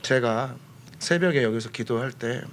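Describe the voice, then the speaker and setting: A man preaching a sermon as pastor, fervent, swinging between loud exclamations and hushed asides. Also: mid-range voice, measured pace, slight background noise. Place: church sanctuary.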